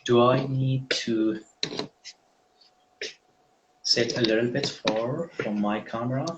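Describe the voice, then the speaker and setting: Guy hosting a video call interview, slow and friendly, lots of uh's. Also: mid-range voice, fairly even intonation, muffled recording, background noise. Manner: friendly, hesitant with fillers. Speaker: interviewer, host of a live online class.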